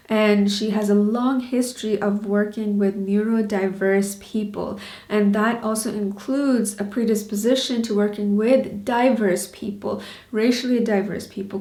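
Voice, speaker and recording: A woman in her thirties from Bangladesh and Canada speaks candidly in a personal vlog, earnest and questioning, with small laughs. Her medium-pitched voice is a little mellow, and the sound is roomy.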